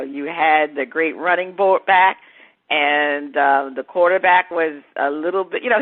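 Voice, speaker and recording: A woman hosting casual sports talk, chatty and quick to laugh, thinking aloud as she goes. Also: medium pitch. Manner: chatty, laughs easily, searches for names aloud. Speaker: sports talk show host. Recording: phone-like narrow sound.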